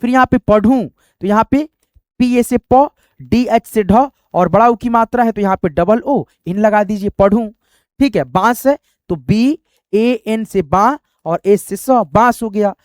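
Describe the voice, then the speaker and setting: A man's voice: high-pitched, measured pace, no room sound, studio quality. A man teaching a spoken lesson, patiently spelling out letters one by one.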